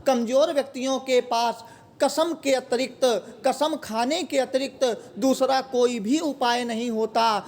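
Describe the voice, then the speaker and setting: A man's voice: extremely high pitch, fairly even intonation, unhurried. A man explaining a poem line by line, asking his own questions and answering them. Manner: repeats words and asks questions then answers them himself. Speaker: Hindi teacher.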